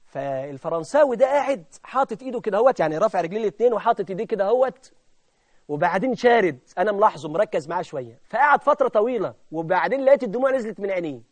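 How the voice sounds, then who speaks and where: A man with an Egyptian Arabic accent preaching a fervent sermon, dropping to hushed asides and rising to loud climaxes. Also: high-pitched, lively intonation, racing, no echo.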